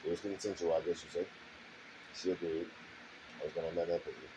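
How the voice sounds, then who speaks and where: His low voice stays fairly even but moves fast over a noisy background. This vlogger, alone in his garage, rambles defensively, looping back to the same points and repeatedly asking listeners "you know what I'm saying."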